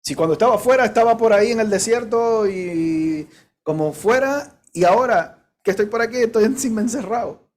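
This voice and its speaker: A preacher voicing a despairing imprisoned prophet. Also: male voice, high-pitched, animated, a little fast, darkish tone, voice pushed up. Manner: anguished questioning. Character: imprisoned prophet, grown man, doubting, despairing.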